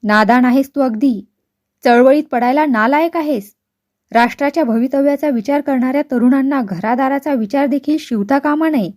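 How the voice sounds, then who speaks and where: A woman voicing a stern, angry older father who shouts and scolds his son harshly. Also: sits high, moderate pace, natural voice. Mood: furious scolding.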